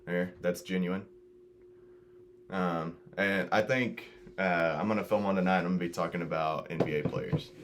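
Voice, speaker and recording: An eighteen-year-old guy hosts a casual video podcast chat, swapping stories with friends in a slangy, informal style and saying "dude" and "bro" a lot. His voice is low-pitched with fairly even intonation and a normal pace. The home-made recording is noisy.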